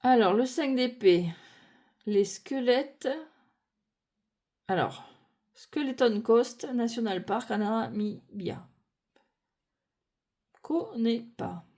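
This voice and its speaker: Slow, musing French woman reviewing cards. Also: fairly high pitch, darkish tone. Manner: unhurried, thinking aloud with frequent fillers and self-corrections. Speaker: tarot deck reviewer. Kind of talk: casual deck walkthrough.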